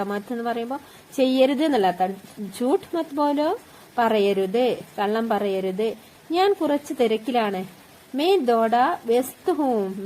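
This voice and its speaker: High-voiced woman slowly teaching phrases. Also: a little mellow. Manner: repeats each phrase slowly, then explains word by word. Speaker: language teacher. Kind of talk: teaching Hindi phrases with Malayalam meanings.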